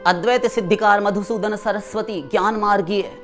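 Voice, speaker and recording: A woman's voice: medium pitch, steady tone, moderate pace. Woman preacher, devotional sermon, recites and explains verses; faint music underneath.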